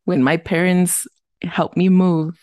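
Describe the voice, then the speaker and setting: A woman's voice: fairly low pitch, level tone, slow pace, dark tone, no echo. A young woman co-hosting a casual podcast chat, joking and laughing often. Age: young adult. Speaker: podcast co-host.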